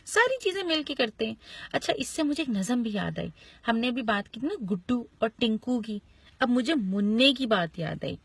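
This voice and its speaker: Husky woman telling a children's story. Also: on the high side, a bit bright, dry recording. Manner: chatty, asks the children questions.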